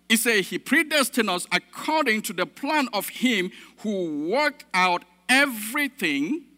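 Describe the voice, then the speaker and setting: A man from Cameroon preaches a sermon, building his points through repeated phrases and asking the room for an amen. His voice sits high for a man and rings very bright. A long reverb of a large hall trails after every phrase. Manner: preaching with emphatic repetition and calls of amen. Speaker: pastor.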